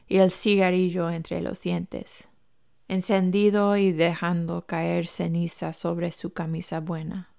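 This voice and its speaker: A woman reading a fan fiction story aloud as a podfic, in an even, unhurried narration. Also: fairly low pitch, gravelly. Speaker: podfic reader.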